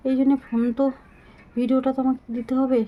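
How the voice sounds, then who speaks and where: A middle-aged woman talking slowly and haltingly to her viewers into a phone camera, weak and short of breath. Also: high voice, little pitch movement, narrow, tinny audio. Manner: slow, halting, pleading. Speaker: vlogger. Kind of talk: casual talk to viewers.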